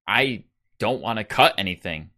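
Deep, bright-toned male podcast host. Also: expressive, normal speed. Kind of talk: casual chat.

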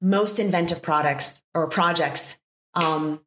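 A woman in her fifties hosting a conversation, speaking warmly and effusively with many fillers. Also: lowish voice, slow pace, slight background noise. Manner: warm and effusive, with lots of fillers. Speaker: podcast host. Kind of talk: casual interview conversation. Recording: echoey room.

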